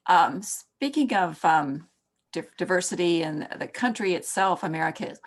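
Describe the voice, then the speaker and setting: A woman asking interview questions in a measured, polite way over a video call. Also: fairly low pitch, lively intonation.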